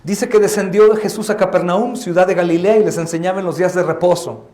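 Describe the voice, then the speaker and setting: A man preaching a sermon as pastor, impassioned and rising to loud exhortation. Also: high-pitched, steady tone, a little fast. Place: church hall. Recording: echoey church hall.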